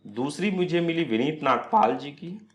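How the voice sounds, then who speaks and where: A man's voice: fairly high pitch, lively intonation, moderate pace. A man teaching an online astrology class, explaining step by step, posing questions and answering them himself, mixing English words into his Hindi.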